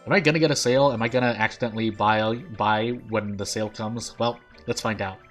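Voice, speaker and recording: A man's voice: on the low side, steady tone, fast talker, fairly bright tone. A man rambling and thinking aloud in casual game commentary, with an overbite that makes his teeth catch his lip on some sounds. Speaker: gaming streamer. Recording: game music behind the voice. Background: game music.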